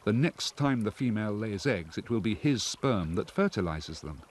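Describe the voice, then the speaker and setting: A man reading scripted nature documentary narration in a measured, explanatory way. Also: lowish voice, expressive, a little hiss or hum.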